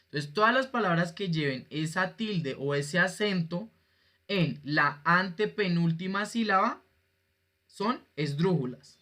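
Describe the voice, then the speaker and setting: A man's voice: sits high, expressive, measured pace, pushed and bright. A male teacher giving an online class, patient and jokey, quizzing his students as he explains. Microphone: video call.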